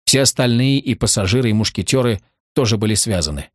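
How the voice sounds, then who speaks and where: A man narrating an audiobook in a steady, measured reading. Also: lowish voice, dry recording, studio quality.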